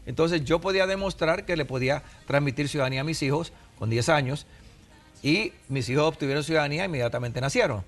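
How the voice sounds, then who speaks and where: Man in his sixties, patient, somewhat high-pitched. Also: quick pace. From Puerto Rico. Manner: patient, explains with examples and restarts. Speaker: immigration adviser, guest. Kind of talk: explanatory TV interview.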